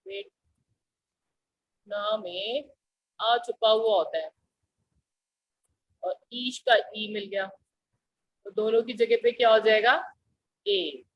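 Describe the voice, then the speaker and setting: A woman teacher explaining a grammar lesson slowly and patiently, often asking her students questions. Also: fairly high pitch, fairly bright tone, muffled recording, a little hiss or hum.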